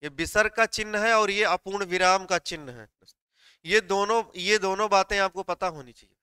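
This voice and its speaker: Male teacher, high and bright voice, very clear and dry close sound, questioning and dictating to students. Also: normal speed, no room sound. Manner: explains step by step, asks students questions; dictates notes word by word. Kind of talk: live online class.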